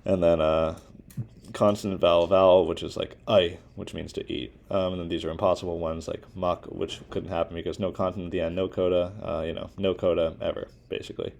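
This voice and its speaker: Young guy doing a class presentation, deep creaky voice, lots of ums and likes. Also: little pitch movement, a little fast, darkish tone. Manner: informal, many fillers and restarts. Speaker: student presenter.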